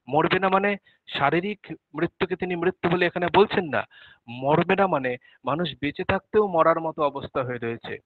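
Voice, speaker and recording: A man giving a devotional sermon, repeating phrases for emphasis and softening his voice when he speaks prayers. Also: mid-range voice, no room sound. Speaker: religious speaker. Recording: tinny phone-like sound.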